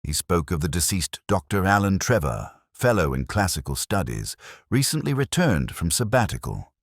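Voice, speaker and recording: A man playing a weary, reflective police inspector, narrating his case in a measured, literary, melancholy way for an audio drama. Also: deep voice, sing-song, dry recording, clean studio sound. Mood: brooding, reflective. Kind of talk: scripted first-person detective narration, audio drama.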